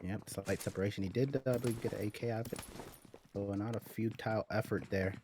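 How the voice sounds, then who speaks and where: Low-voiced man calling esports play-by-play. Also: fairly even intonation, noisy background. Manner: laid-back banter, quick play-by-play calls. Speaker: esports caster.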